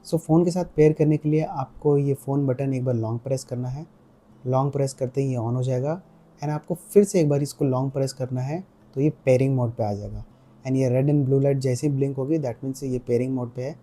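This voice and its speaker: Mixing Hindi into his English, a man with an Indian accent reviews motorcycle gear in a relaxed way, walking through it one step at a time. He speaks fairly quickly in a steady, mellow, medium-pitched voice.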